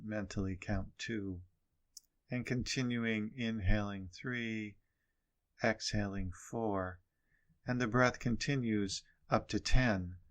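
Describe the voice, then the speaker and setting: Very slow, low-voiced male meditation teacher. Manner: measured short phrases with pauses. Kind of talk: guided meditation instruction.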